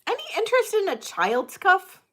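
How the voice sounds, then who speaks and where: A woman's voice: very high voice, sing-song, moderate pace, fairly bright tone. A middle-aged woman working as a casual auctioneer on a live sale, chatting and addressing bidders by name.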